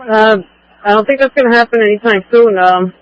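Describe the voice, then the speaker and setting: A man's voice: high-pitched, brisk, muffled recording. A man working as a police radio dispatcher, relaying instructions to units, in a manner like marine radio. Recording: two-way police radio channel.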